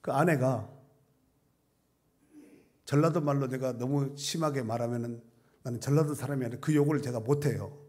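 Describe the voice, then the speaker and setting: A man's voice: medium pitch, normal speed, long pauses, darkish tone. A middle-aged man, a pastor, preaching a sermon in a church, telling stories conversationally and reading scripture with rising emphasis. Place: church sanctuary.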